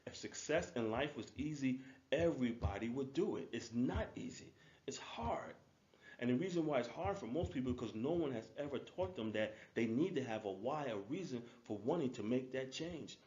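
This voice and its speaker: A man's voice: mid-range voice, lively intonation, normal speed, a little mellow. A man giving a motivational webinar as a life coach, talking in an emphatic, repetitive, informal way. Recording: roomy, dull lo-fi audio.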